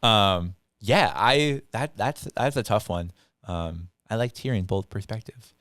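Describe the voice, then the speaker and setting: A young man hosting a casual podcast chat, animated and quick, slipping into playful quoted voices. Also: on the low side, dry recording. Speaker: podcast host.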